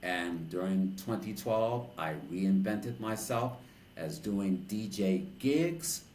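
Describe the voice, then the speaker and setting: Low-voiced male podcast host, echoey room. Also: expressive, takes it slowly, a little mellow, a little hiss or hum. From New York. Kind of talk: interview.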